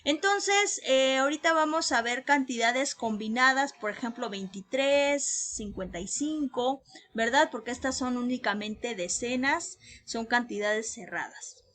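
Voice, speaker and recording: A woman teaching an English class, explaining patiently and repeating each number clearly for learners, with emphatic drills on the English words. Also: a little high, measured pace, a bit bright.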